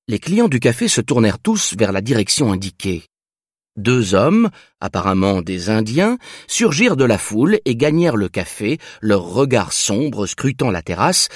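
Guy reading a novel out loud, deep-ish and animated, dry recording. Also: dry recording. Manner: expressive, measured reading. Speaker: audiobook narrator. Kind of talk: scripted narration.

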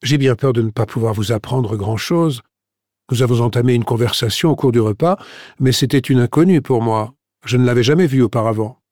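A man's voice: medium pitch, brisk, a little mellow, no room sound, clean studio sound, natural voice. A man voicing a reserved, polite young Englishwoman in an audiobook. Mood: guarded. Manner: polite, cautious. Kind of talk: audiobook character voice.

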